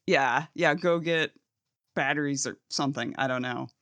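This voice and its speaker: Chatty podcast co-host with dry sound. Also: female voice, extremely low pitch, moderate pace, a bit bright, dry recording. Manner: laughs often, acts out characters' lines while retelling. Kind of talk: casual recap chat.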